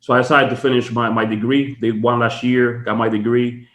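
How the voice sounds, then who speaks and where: A man's voice: medium pitch, flat delivery, fairly quick, a bit bright, echoey room. A man from the Dominican Republic, a podcast guest, telling his story in casual, chatty talk full of fillers from his home office. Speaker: guest, tax strategist.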